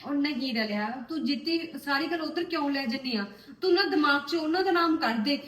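A woman's voice: high voice, expressive, fairly quick, a bit bright. An actress playing a caring young sister-in-law, coaxing and comforting a crying girl. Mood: soothing. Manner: soothing, coaxing. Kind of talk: web series drama acting. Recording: echoey room.

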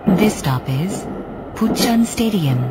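A woman reads out a subway stop in a recorded train station announcement. She speaks extremely slowly and deliberately in a formal, even tone of middle pitch. Heavy train noise rumbles beneath her.

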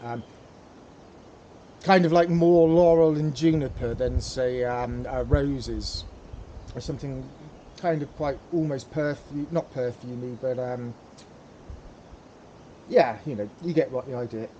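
A man's voice: medium pitch, measured pace, long pauses, warm tone, dull audio, a little hiss or hum. A man hosting a casual how-to demonstration, talking hesitantly with many fillers and repeated words. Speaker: pipe tobacco hobbyist, channel host.

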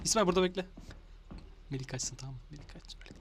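A man playing a game with friends, frantic, swearing, laughing and shouting to his teammates. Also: on the high side, very fast. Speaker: gamer. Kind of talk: casual gaming chat with friends. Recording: loud background noise.

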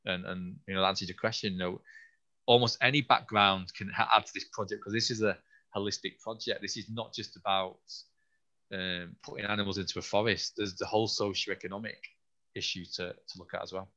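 Low flat-voiced man, slightly hoarse. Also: highs cut off. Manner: halting, with frequent restarts and fillers. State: losing his voice a little. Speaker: scientist and event host answering questions. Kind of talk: online Q&A. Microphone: video call.

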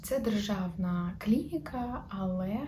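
Chatty young mom vlogging, mellow soft voice, faint hiss behind. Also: female voice, medium pitch. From Ukraine. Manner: chatty and open, quick soft laughs. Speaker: vlogger, new mother. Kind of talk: casual personal vlog.

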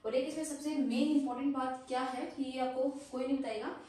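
A woman's voice: high voice, level tone, a little fast, dark tone. A woman teaching a grammar lesson, explaining step by step and checking in with the class after nearly every point. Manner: explanatory, frequent "theek hai" check-ins. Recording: very echoey room, voice from a distance.

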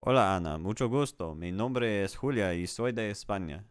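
Repeating sentences aloud and laughing softly as he corrects himself, a Spanish-learning streamer gives casual commentary over a language app. He speaks at normal speed in a lowish, smooth voice without echo.

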